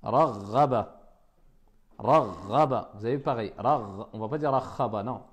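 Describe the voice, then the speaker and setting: A man's voice: medium pitch, unhurried. A man teaching a reading class, patiently repeating words and correcting his pupils.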